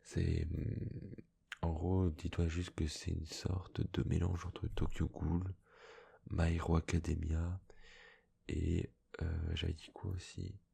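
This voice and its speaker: A man speaking in a hushed, soft-spoken ASMR manner, slipping into whispers, with a husky, breathy voice, chatting casually as a host. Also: low-pitched, little pitch movement, takes it slowly. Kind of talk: soft-spoken ASMR, casual chat about book purchases.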